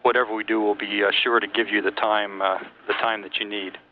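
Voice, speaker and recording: Low-voiced man on thin astronaut radio. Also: level tone, narrow, tinny audio. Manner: measured, procedural, matter-of-fact. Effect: space radio link. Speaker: capcom at mission control. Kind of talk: astronaut radio exchange, technical briefing. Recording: thin radio link, faint noise.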